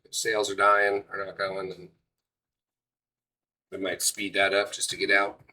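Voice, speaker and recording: A man's voice: low-pitched, completely flat delivery, measured pace, pushed and bright, rough recording. A man hosting a live card break, giving casual auction sales patter to viewers.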